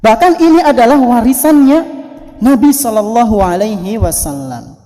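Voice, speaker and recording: A man's voice: very high voice, expressive, normal speed. Javanese-accented male preacher in an echoing hall. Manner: storytelling with playful asides, acting out shouts. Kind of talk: sermon. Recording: hall reverb.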